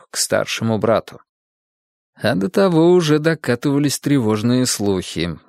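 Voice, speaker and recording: A man narrating a history audiobook in a measured, dramatic storytelling manner. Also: mid-range voice, no echo, clean studio sound.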